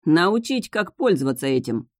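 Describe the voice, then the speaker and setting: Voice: mid-range voice, moderate pace, no room sound, studio quality. A reader as a smug predatory prince. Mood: mocking. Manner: calm and mocking. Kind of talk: audiobook character voice.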